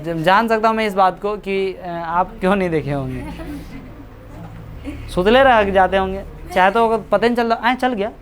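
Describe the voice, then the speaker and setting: A man's voice: sits high, moderate pace. A man teaching a class, chatty and joking, teasing and scolding his students. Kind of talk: classroom lecture explaining a story.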